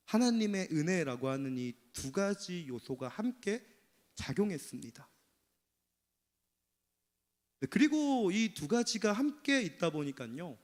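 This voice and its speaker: A male pastor preaches an earnest, confessional sermon in a church sanctuary. His voice is very high for a man. Long reverb from the hall hangs after each phrase.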